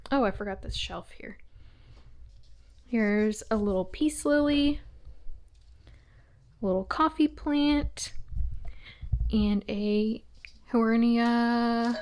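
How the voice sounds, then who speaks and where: A woman's voice: fairly high pitch, slow, long pauses, a little mellow, clean tone. A woman giving a casual tour of the houseplants in her small old house, naming each one as she walks and sometimes slipping into a whisper. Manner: chatty, names plants as she walks, drops to a whisper at times. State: out of breath. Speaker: plant vlogger.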